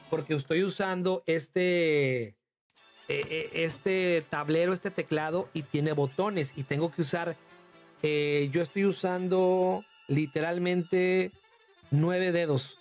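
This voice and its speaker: A man with a Mexican accent chatting casually on a livestream, talking through his game moves and thanking viewers by name. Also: on the high side. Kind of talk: casual livestream gaming commentary.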